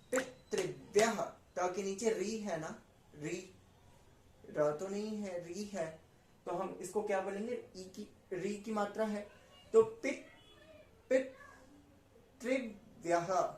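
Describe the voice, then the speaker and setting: A man with a high voice teaches Sanskrit pronunciation at an unhurried pace. He breaks each word into its sounds and repeats it slowly, again and again, for learners to copy. The room around him is echoey. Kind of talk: pronunciation lesson.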